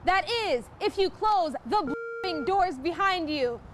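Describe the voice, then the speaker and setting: A woman with an extremely high, expressive voice takes it slowly as a field reporter in a college's comedic promo newscast. She delivers a scripted mock TV news report in an exaggerated, peppy style, with background noise present.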